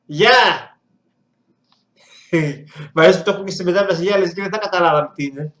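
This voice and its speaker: A man with a high voice trades jokes and curses while he sounds out foreign phrases and keeps tripping over them. He is recorded in an echoey room, and his voice rings off the walls. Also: a bit bright. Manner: playful, swears, stumbles over foreign phrases. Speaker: YouTuber. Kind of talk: joking reaction commentary.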